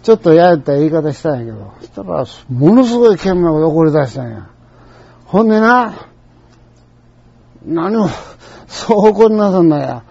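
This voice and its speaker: An older man with a Kansai accent recounts a personal anecdote in a chatty, digressive way. His voice sits a little high yet sounds soft and mellow. The recording is dull and lo-fi. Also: sing-song, moderate pace, creaky, pauses often, slightly rough, dry recording. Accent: Kansai Japanese. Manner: chatty storyteller, colloquial and digressive.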